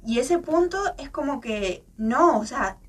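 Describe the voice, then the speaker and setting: A woman guesting on a podcast, chatting casually with a friend in an animated, emphatic way. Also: high voice, a little slow, distant mic. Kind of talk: casual chat.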